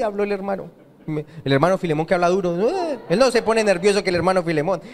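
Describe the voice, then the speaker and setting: A man preaching a sermon as pastor in a church, emphatic, repeating key phrases and pausing for the congregation to fill in his questions. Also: high-pitched. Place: church sanctuary.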